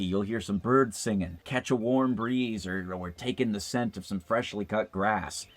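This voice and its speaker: A man's voice: fairly low pitch, a bit bright. A young man hosting a casual video game commentary, laid-back and nostalgic, chuckling often. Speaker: YouTuber host.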